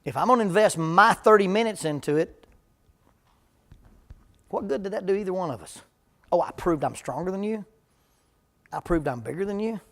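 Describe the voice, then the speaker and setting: A man's voice: high voice, animated, normal speed, long pauses, a bit bright. A man, a preacher leading a parenting seminar in plain-spoken, humorous talk before a live church audience.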